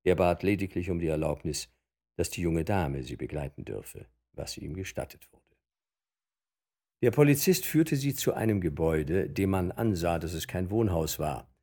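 A man narrating a storybook aloud in an expressive, dramatic reading. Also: low-pitched, moderate pace.

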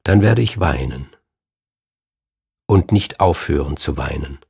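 A man's voice: rumbling low, lively intonation, slow pace, vocal fry, darkish tone, husky, pitched below the performer's own voice, heavily acted. A man voicing a spiteful, sad young woman in a fairy tale reading. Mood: cold.

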